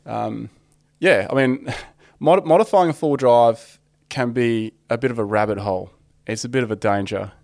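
A man's voice: mid-range voice, moderate pace, gravelly, a little mellow, no room sound. An Australian man talking as a podcast guest in an informal, matey, conversational way. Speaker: podcast guest with own four-wheel drive channel. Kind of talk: casual chat.

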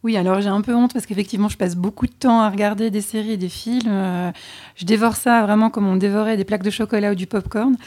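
A woman chatting candidly as a podcast co-host being interviewed, often pausing with hesitations. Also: mid-range voice, steady tone, a little mellow. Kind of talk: casual interview answers.

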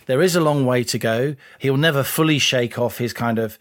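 A man co-hosting a political podcast, laying out his analysis in a measured, deliberate way. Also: medium pitch. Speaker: podcast co-host, columnist.

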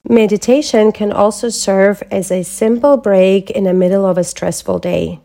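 A woman hosting a wellness podcast, speaking as a holistic health coach in a calm, measured, reflective way from a prepared script. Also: medium pitch, gravelly, soft background music. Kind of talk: scripted solo podcast talk.

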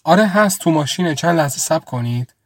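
A man's voice: fairly high pitch, lively intonation, no echo, clean studio sound. A man reading an audio story, voicing a young woman traveler who politely and hesitantly asks a stranger for help. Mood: apologetic.

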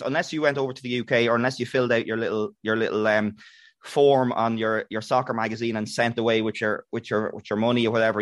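A middle-aged Irishman talks quickly in a casual, conversational style. His voice has an Irish accent and a medium pitch, recorded dry and close. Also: no echo.

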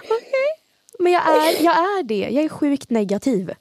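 A young woman with a light Gothenburg accent chatting casually as a podcast co-host, with a dry way of talking that sounds sarcastic even when she means it. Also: high-pitched, dry recording. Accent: light Gothenburg Swedish. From Sweden, grew up in Gothenburg. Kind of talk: casual chat.

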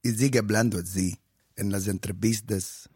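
A man's voice: fairly low pitch, steady tone, moderate pace, a little mellow, husky, dry recording, studio quality. A man chatting casually, teasing and challenging his co-host with crude slang. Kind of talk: casual chat.

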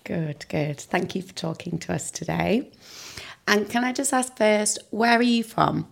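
A woman hosting an English-learning podcast, explaining and interviewing in a clear, teacher-like way. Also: mid-range voice, a little slow. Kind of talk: scripted lesson narration and interviewing.

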